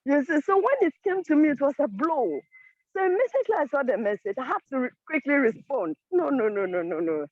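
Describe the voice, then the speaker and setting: Effusive high-voiced grateful woman. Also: sing-song, no echo, muffled recording. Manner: effusive, grateful, halting, prays blessings. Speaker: course participant. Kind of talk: emotional thank-you on a video call. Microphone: video call.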